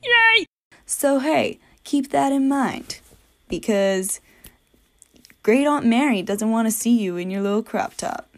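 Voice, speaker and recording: A woman's voice: a little high, measured pace, darkish tone. Young woman, from New England, chatty podcast host, joking asides. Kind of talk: casual solo podcast.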